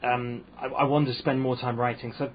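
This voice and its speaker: A man's voice: mid-range voice, level tone, brisk, a little hiss or hum. A man with a posh English accent, a comedian chatting on a podcast, rambling and hesitant with frequent fillers. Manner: rambling, hesitant, self-deprecating. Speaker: comedian guest. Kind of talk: casual podcast interview. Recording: muffled lo-fi sound.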